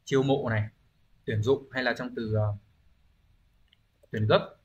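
A man talks through an exam-review language lesson at an ordinary, mid-level pitch. He explains patiently, keeps checking in with rhetorical questions, and fills pauses with hesitant thinking-aloud sounds. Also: fairly even intonation, dull audio. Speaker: Japanese language teacher.

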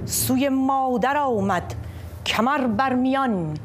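A woman's voice: sits high, background noise. A middle-aged woman reciting heroic verse as an epic teahouse storyteller, in a theatrical, declamatory way. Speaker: Shahnameh storyteller (naqqal). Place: TV studio stage with large screen. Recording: music behind the voice.

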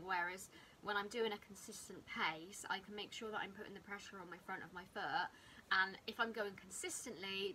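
A woman's voice: mid-range voice, bright, forceful tone, slight background noise, poor audio. A woman, vlogging casually to camera indoors in an informal way, repeating words for emphasis. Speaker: running vlogger. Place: living room indoors.

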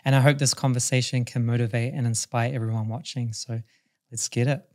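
Guy on a podcast as the guest, chill but hyped, lots of slang, middle pitch. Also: fairly even intonation, a little fast, darkish tone. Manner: laid-back, enthusiastic, with slang. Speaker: podcast guest, breathwork facilitator. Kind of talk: casual podcast chat.

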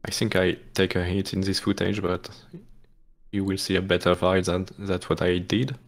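A Frenchman with a French accent gives hesitant live commentary explaining a game speedrun, restarting often and apologizing. His voice is deep, with a level tone and moderate pace, and he uses plenty of fillers.

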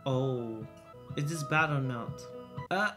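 A woman's voice: extremely low pitch, lively intonation, slow, fairly bright tone, faint music behind. A woman hosting a reaction video, thinking aloud in short bursts and repeating words as she watches. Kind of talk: casual reaction commentary.

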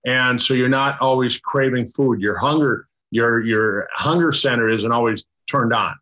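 An older man, a doctor, explaining a product in casual chat over a video call, halting with many restarts and fillers. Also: medium pitch, pushed and bright. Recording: dull lo-fi video call audio.

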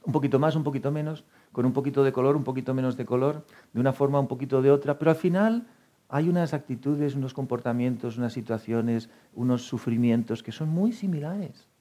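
A man giving a spiritual talk to an audience, telling lively stories, acting out quoted dialogue and laughing often. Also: medium pitch, fairly quick. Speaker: speaker at a meditation talk.

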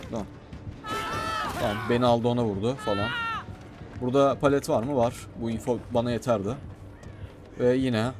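Excitable man commentating his game. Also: mid-range voice. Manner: excitable, shouts and talks to himself while playing. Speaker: gaming streamer. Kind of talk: casual gameplay commentary.

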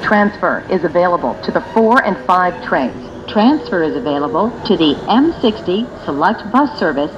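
A woman's prerecorded transit announcements, her words spliced together one after another in an even, clipped delivery. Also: fairly low pitch, normal speed, hardly any pauses. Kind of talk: recorded train announcements. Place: inside a moving subway car. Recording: muffled onboard speaker, loud train noise.

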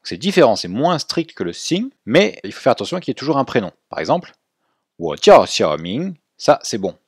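A man teaching a language lesson, explaining clearly and slowing right down to model words for students to repeat. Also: mid-range voice, sing-song, dry recording, studio quality. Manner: clear didactic explaining, slow drawn-out model pronunciations for repetition.

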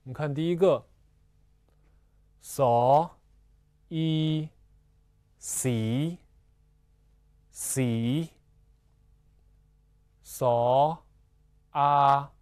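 A man teaching a language lesson, slowly explaining spelling and pronunciation with patient repetition and small fillers. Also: mid-range voice, a little mellow, dry recording, clean studio sound. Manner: slow and patient, repeats syllables twice, fillers like "啊" and "呃". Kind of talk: slow, deliberate classroom explanation.

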